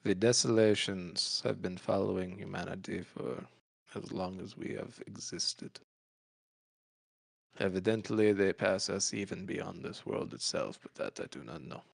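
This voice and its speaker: A man voicing a stern, disdainful authority figure in a tabletop game, booming and pompous as he lectures. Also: measured pace, gravelly, husky, no room sound, heavily acted. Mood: grave, condescending.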